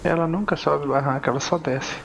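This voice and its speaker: A Brazilian man with a fairly high, noticeably creaky voice comments casually on a game. He mutters to himself in exasperated slang, with clear noise and game ambience behind him. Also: fairly even intonation, brisk, low-quality recording. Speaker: gaming video host.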